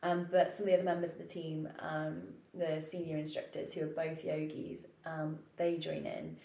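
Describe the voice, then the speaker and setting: Yoga studio manager, woman with a lowish voice, chatty and easy, roomy echo. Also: level tone, normal speed, creaky, warm tone. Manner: chatty, laughs often, many fillers. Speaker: yoga studio manager judging teacher auditions. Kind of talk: casual podcast chat. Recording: roomy echoey recording.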